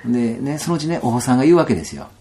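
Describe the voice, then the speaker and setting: A man with a Kansai accent telling a personal story in a casual interview, animated and laughing often, sometimes dropping to soft asides. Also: mid-range voice, racing. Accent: Kansai Japanese.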